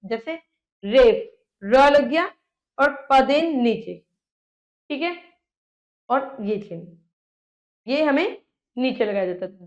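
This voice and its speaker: A woman's voice: high voice, highs cut off. A woman teacher giving a grammar lesson, sounding out letters one by one and often checking in with her students. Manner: often checks in with "theek hai".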